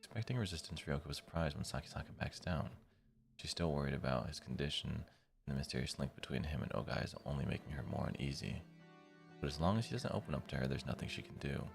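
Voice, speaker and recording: A fast-talking man with a very deep, creaky voice live streams himself narrating a visual novel and casually interrupting with his own remarks. Guitar music from the game plays behind his voice.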